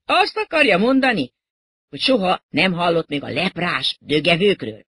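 A reader voicing a huge, brash male rock musician who talks loudly and breezily, with a husky tone. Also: medium pitch, big pitch swings, voice pushed up, exaggerated voice.

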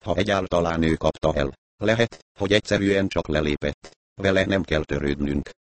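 A man voicing a calm, mocking male crime boss who threatens with smooth sarcasm. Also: sits low, no room sound, lightly acted. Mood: coolly threatening.

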